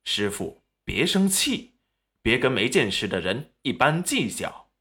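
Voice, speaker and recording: A man's voice: medium pitch, big pitch swings, measured pace, fairly bright tone. A man voicing a cold, composed young husband who dismisses his in-laws curtly. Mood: soothing. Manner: icy, clipped.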